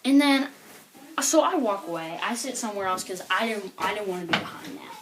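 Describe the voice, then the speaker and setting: A woman's voice: mid-range voice, lively intonation, a little fast, background noise. A woman telling a rambling stand-up comedy story, full of filler words like "like" and "you know".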